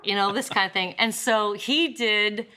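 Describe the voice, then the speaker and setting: A singer-songwriter woman chats at a roundtable with a bright, forward voice. She tells stories with animation, slipping into sung bits and laughing easily. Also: mid-range voice, a little slow, a little hiss or hum. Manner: animated storyteller, sings snippets and laughs often. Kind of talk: casual roundtable chat.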